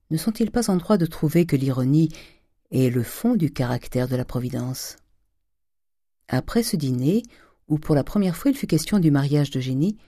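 An audiobook reader giving a measured, steady narration of a classic novel. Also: medium pitch, no echo, clean studio sound.

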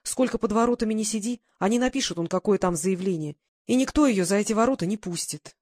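A woman reads a novel aloud at a middle pitch, with even, measured storytelling. The sound is dry and close, with no room around it. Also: dry recording. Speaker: audiobook narrator. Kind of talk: audiobook narration.

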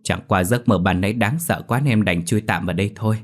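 A man's voice: fairly low pitch, fast talker, natural voice. A man voicing a cheeky young man who whines and yelps in fright, in a told ghost story. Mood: pleading. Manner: whiny, shouts in fright.

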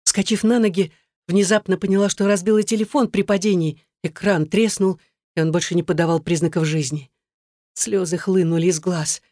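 A woman's voice: on the low side, fairly even intonation, normal speed, mellow, dry recording, studio quality. A woman reading a dramatic first-person story aloud. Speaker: narrator.

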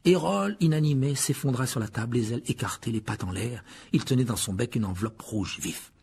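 A man's voice: medium pitch, a little fast, gravelly, a little mellow, slight background noise. A man reading a children's novel aloud as an audiobook narrator, telling the story expressively. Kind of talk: scripted narration.

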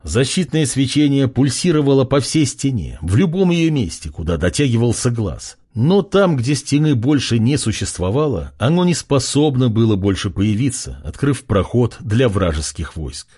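A male narrator reads a fantasy novel aloud with a husky voice. His pitch moves lively through the lines. The reading is expressive and steady. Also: normal speed, hardly any pauses. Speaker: audiobook narrator. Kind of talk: scripted narration of a fantasy story.

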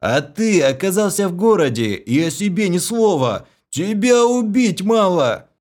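A man voicing a rowdy, hulking young brute who shouts crudely and boisterously. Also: mid-range voice, big pitch swings, unhurried, pitched above the performer's own voice.

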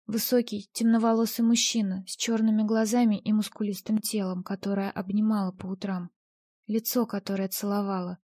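Woman narrator, first-person audiobook, mellow voice, tense dramatic telling, dry close sound. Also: mid-range voice, no echo.

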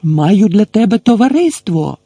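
A man voicing a huge, gentle half-giant who shouts and coaxes in folksy speech, in an audiobook reading. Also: a little high, big pitch swings, a little slow, husky, no room sound, studio quality, voice pushed up, exaggerated voice. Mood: shouting.

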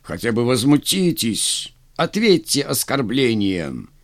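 A man voicing a stern, contemptuous army general who speaks gruffly, in a commanding way. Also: mid-range voice, big pitch swings, slow, no echo, studio quality. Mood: stern scorn.

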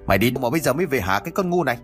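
A man's voice: medium pitch, big pitch swings, soft background music, lightly acted. A man doing a furious scolding mother-in-law. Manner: shouting insults, scolding fast. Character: harsh older village woman, mother-in-law, furious.

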